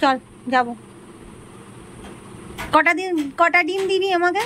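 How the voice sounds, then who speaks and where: A woman with a very high voice coaxes a toddler, teasing and repeating each question. She chats casually. Faint noise sits behind her. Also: slow pace, sharp tone. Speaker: vlogger.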